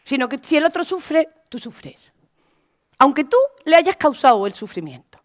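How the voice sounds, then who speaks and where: Woman lecturer, expressive and emphatic, lively pitch, fairly high voice. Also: normal speed. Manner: animated, expressive storytelling, emphatic repetition. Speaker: lecturer training teachers. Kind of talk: lecture with anecdotes.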